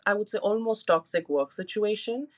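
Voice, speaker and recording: A woman's voice: medium pitch, moderate pace. A woman in her thirties co-hosting a podcast, talking candidly and openly with many "you know" fillers. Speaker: podcast co-host. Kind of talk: casual personal podcast talk.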